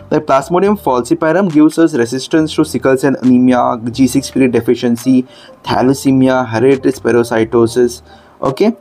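A man at an ordinary middle pitch explains medical exam material step by step. He speaks emphatically and stops often to check with the listener. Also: dark tone. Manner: explanatory, emphatic, repeats 'okay'. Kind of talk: screen-demo lesson.

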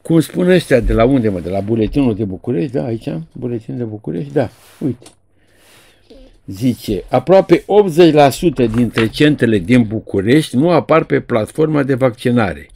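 A man's voice: lively intonation, creaky, a little mellow, a little hiss or hum. A man in his seventies, a journalist, giving a casual, sarcastic commentary monologue in a colloquial way. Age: 70s. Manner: colloquial, sarcastic, swings widely in pitch. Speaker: journalist and video blogger.

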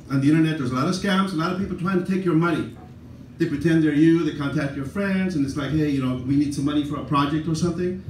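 A man's voice: on the high side, a little hiss or hum. An older man with a Mexican-American accent doing a stand-up set, self-deprecating and rambling, with frequent asides to the crowd. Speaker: stand-up comedian. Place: comedy club stage. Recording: roomy club sound from a distant camera. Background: audience laughter.

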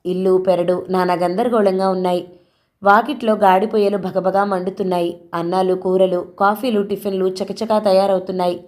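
A woman reads a story aloud with a steady, expressive delivery. Her voice sits at an ordinary middle pitch for a woman. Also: moderate pace. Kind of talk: scripted audio story narration.

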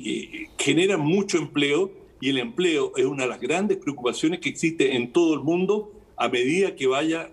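An older man giving measured live news analysis over a video link from home, with frequent pauses and fillers. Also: medium pitch, husky. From Chile. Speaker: international analyst. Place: home room with lamp, remote link.

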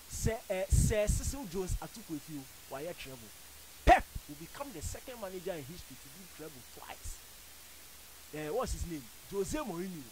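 A man with a Ghanaian accent argues about football as a panelist in a radio studio, emphatic and theatrical in an animated debate. His voice is high-pitched, and the low-quality recording, made on a studio boom mic with headphones, carries slight background noise.

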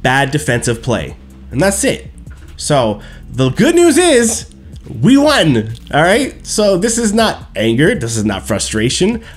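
A man's voice: fairly high pitch, a little slow, soft background music. A man in his thirties on a headset at home, ranting emphatically about a hockey game after it ends and checking in with his viewers with "okay?" and "right?". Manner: animated, emphatic, keeps asking "okay?" and "right?". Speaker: hockey fan streamer. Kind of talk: post-game hockey rant. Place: small room at home, seated in gaming chair.

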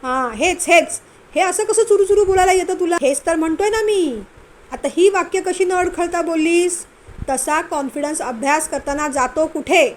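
A woman's voice: very high voice, moderate pace, slight background noise. A woman voicing a stern young husband who scolds and mocks his wife while tutoring her. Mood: scolding. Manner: scolding, impatient, mocking.

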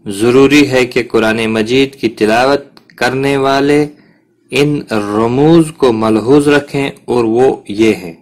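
A man teaching Quran recitation rules in a patient, step-by-step lesson, giving examples as he goes. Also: medium pitch. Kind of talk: explanatory lesson.

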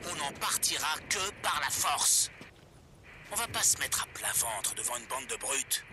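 Defiant pirate radio preacher, music behind. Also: male voice, medium pitch, very animated, unhurried. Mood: defiant, preachy. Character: defiant anti-government survivalist pirate radio host. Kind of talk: pirate radio monologue, fiery political rant. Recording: loud music over the voice.

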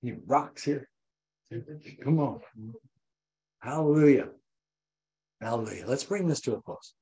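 An older man preaching a sermon as pastor, animated and repetitive, acting out voices. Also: unhurried, low-quality recording. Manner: animated, repeats phrases, acts out voices with rising pitch. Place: church.

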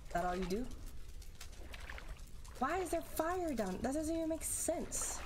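A woman narrating her own horror-game playthrough in a nervous, chatty way, mostly talking to herself. Her voice sits a little high and swings widely in pitch. Clear background noise from the game runs under her. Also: sing-song, measured pace. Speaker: gaming channel host. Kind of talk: let's play commentary.

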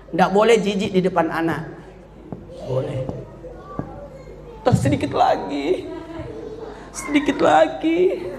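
A man in his fifties giving a humorous religious talk to an audience. He jokes constantly and leaps into high squeaky voices. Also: gravelly. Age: 50s. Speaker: preacher. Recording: hall reverb with faint crowd.

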